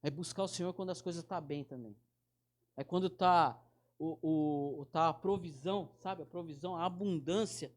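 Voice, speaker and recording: A man gives an informal, conversational sermon. He speaks directly to his listeners and calls them brother. He often breaks off and restarts his phrases. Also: on the high side. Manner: halting restarts. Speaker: preacher.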